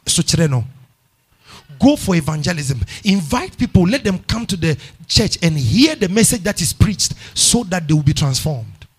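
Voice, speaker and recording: A middle-aged man with a Ghanaian English accent preaching a sermon, repeating phrases and swinging from hushed to loud. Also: high-pitched, breathy edge. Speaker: pastor.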